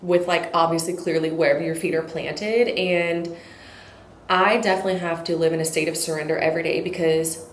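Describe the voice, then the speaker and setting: A young married woman, a podcast guest talking in a halting, reflective way. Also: sits low, steady tone, roomy sound, a little hiss or hum. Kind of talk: casual chat.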